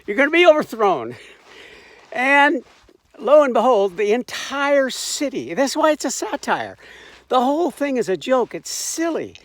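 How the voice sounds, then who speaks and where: A man's voice: very high-pitched, sing-song, unhurried, no room sound. A man casually retelling a Bible story as a satire, irreverent and wry, with frequent asides and restarts. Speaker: informal Bible commentator.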